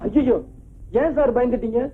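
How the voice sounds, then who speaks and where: Desperate teary husband begging the cops, high voice, tinny old film sound. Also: male voice, normal speed. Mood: anxious. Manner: pleading, near tears. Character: frantic husband whose wife is missing.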